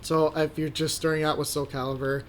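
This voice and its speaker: A young man with a fairly high voice chats on a podcast about games. He talks in a relaxed way, laughs often and lets his sentences trail off. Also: brisk. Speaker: podcast co-host. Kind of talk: casual chat.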